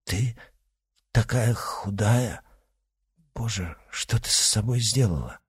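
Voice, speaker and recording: A man's voice: lowish voice, slow, breathy edge, full character voice. A man voicing an anxious, hot-tempered middle-aged father who pleads and turns agitated. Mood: worried. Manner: agitated, pleading, bursts into shouting.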